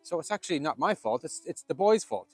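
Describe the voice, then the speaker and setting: A man's voice: on the high side, big pitch swings, fast talker, husky, voice pushed up. A bold little Irish boy hero played by a male storyteller speaks up for himself. He is earnest and self-assured, in a spoken legend over faint music. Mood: self-justifying. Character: bold, cheeky six-year-old warrior boy.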